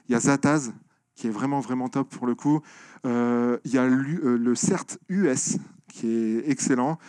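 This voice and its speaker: A man speaking at a conference, answering audience questions with many pauses and restarts. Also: medium pitch, darkish tone, dry recording. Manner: hesitant, many fillers and restarts, explanatory. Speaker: conference speaker on software security. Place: lecture room.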